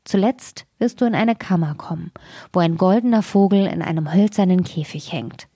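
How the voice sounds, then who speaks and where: A clever, helpful male fox from an old fairy tale, speaking in a calm, instructing way, as a woman narrator puts him on. The voice sits low and the sound is dry and close, like a storybook reading recorded in a studio. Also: moderate pace, breathy edge, dry recording. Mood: advising. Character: wise helpful male fox, patient adviser.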